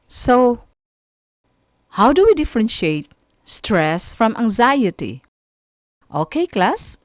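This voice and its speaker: A female teacher with a Filipino accent gives a radio lesson unhurriedly, explaining in short, halting phrases with firm emphasis and expressively shifting pitch. The sound is dry and close, with no room sound.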